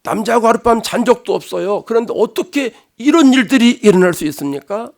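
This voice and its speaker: A man's voice: sits high, animated, fairly quick, gravelly, pitched above the performer's own voice. A man voicing a startled young woman who pleads with an angel in bewildered questions. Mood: astonished.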